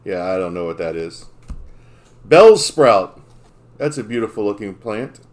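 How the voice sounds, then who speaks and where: A man's voice: lowish voice, big pitch swings, a little slow, darkish tone. A man opening trading card packs on a live stream, in casual chat, playfully confused and stumbling over the names.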